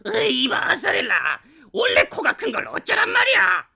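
Cheeky monster sidekick, high creaky rasp, wildly swooping pitch, whiny grumbling, radio drama. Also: female voice, wildly swooping pitch, normal speed, sharp tone, full character voice. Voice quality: raspy, creaky. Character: big-nosed grumbling playful beast servant of demon king.

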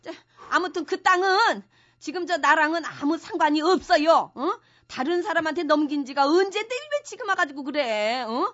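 A man's voice: extremely high pitch, animated, normal speed, fairly bright tone. A man playing a spoiled, haughty noblewoman in a radio comedy sketch, bossy and defensive, always tacking on a nagging "huh?". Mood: indignant. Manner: bossy, huffy, keeps asking "응?". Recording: dull radio broadcast sound.

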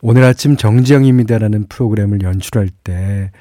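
A man hosts a late-night radio music show from a studio, his voice soft and mellow. He reads listener messages in a relaxed, chatty way and laughs lightly between them. The sound is close and dry, with no room around it. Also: fairly low pitch, brisk, no echo. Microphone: studio microphone.

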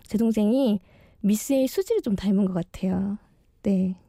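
Speaking at a normal pace in a dark-toned, mid-range voice, a woman in her early thirties fills in for a single day as an amateur guest DJ on late-night radio. She delivers a bashful, sincere personal monologue, her words slightly slurred by dental braces. The recording is clean studio sound with no room ambience.

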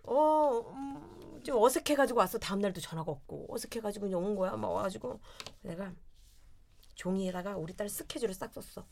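A woman in her forties telling a story in casual chat, animated and bursting into loud quoted lines. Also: medium pitch, brisk, vocal fry, a little hiss or hum. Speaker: storyteller guest.

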